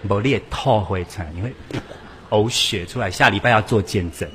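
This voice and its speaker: A man gives a humorous, sermon-style church lecture, telling stories lively with acted dialogue. His voice is lowish and fairly quick, and there is a little hiss or hum in the audio.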